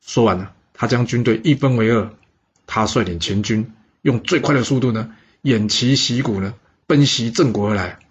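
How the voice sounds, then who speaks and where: Husky-voiced male storyteller. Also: mid-range voice, normal speed. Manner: lively, dramatic narration. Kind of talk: historical storytelling. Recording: dull lo-fi recording.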